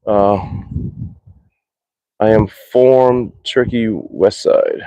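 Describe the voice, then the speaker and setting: Speaking extremely slowly in a lowish, dark, clean voice with fairly even intonation, a man live-streams by phone from his backyard archery range. He chats casually and rambles, with frequent restarts, reads out and answers viewer comments, and mutters curses after bad shots. The recording is dry and lo-fi.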